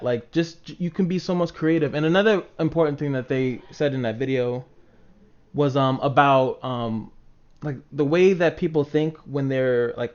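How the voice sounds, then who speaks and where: A mid-range, darkish voice belongs to this livestream host, who rambles informally and with plenty of swearing to his chat viewers, acting out reactions. Everything is picked up by a dull, lo-fi microphone.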